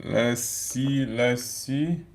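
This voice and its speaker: Speaking extremely slowly, a young Nigerian streamer with a gravelly, slightly mellow mid-range voice hosts a live football watchalong. He reacts to the match, reads viewers' comments aloud, and keeps repeating phrases in his casual chat.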